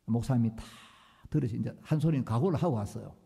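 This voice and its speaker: A male pastor telling a story in a sermon, animated and acting out the dialogue. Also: mid-range voice, quick pace, vocal fry, husky, in a large hall.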